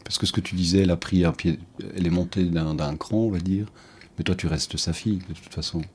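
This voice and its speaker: A man interviewing someone one-on-one, asking gentle, probing follow-up questions that recall their earlier talks. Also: low-pitched, fairly even intonation, fast, slightly rough.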